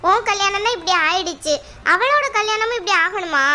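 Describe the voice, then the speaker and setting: A woman's voice: extremely high pitch, a little fast, sharp tone. A woman voicing a scolding mother of two daughters in a cartoon, nagging and exasperated. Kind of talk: cartoon voice acting.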